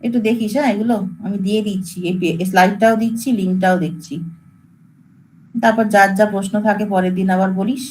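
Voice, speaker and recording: A woman's voice: mid-range voice, steady tone, fast, a little mellow, a little hiss or hum, poor audio. A woman lecturer, explaining to students in a casual, coaxing classroom way. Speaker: computer science lecturer.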